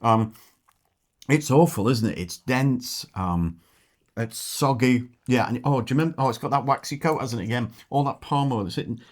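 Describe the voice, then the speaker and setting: Middle-aged man, casual vlog co-host, chatty, mid-pitched, eats while talking. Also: brisk. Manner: chatty, talks with mouth full. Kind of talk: casual food tasting chat.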